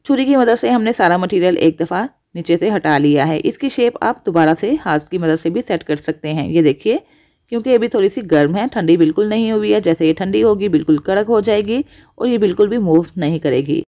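A woman's voice: mid-range voice, expressive, a little fast, dark tone, dull audio. A woman hosting a cooking channel, explaining each step of a recipe to viewers. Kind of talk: voice-over recipe instruction.

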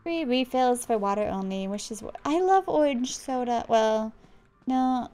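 A woman's voice: on the high side, animated, a little slow, mellow. A woman gaming YouTuber doing let's-play commentary, chatty, rambling and self-deprecating.

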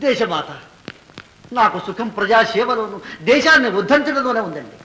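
A man's voice: extremely high pitch, animated, normal speed, pushed and bright, full character voice. A man playing a pompous, self-righteous politician testifying in court in an old film. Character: pompous self-important male politician witness. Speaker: witness in court. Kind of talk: 1970s Telugu film acting. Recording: echoey old film soundtrack.

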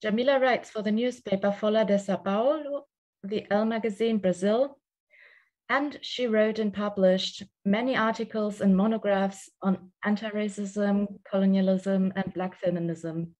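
A young woman moderates an online panel, introducing the speakers haltingly with frequent fillers and hesitations over a headset on a video call. Her voice is medium-pitched, steady and a bit mellow, and the recording quality is low.

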